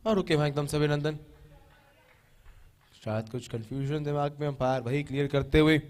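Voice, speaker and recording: A man giving excited live commentary on a cricket match as it unfolds. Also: on the high side, a little fast.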